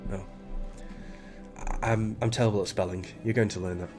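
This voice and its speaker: A man's voice: lowish voice, normal speed, faint music behind. A man chatting casually while playing a co-op game, narrating a role-play setup and poking fun at himself. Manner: animated, self-mocking, laughs often. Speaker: streamer and co-op player.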